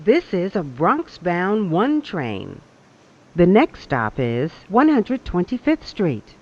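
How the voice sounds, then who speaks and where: A recorded subway announcer heard over a train loudspeaker, speaking in measured, evenly spaced phrases. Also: medium pitch, huge pitch swings, muffled recording. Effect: played over a train loudspeaker.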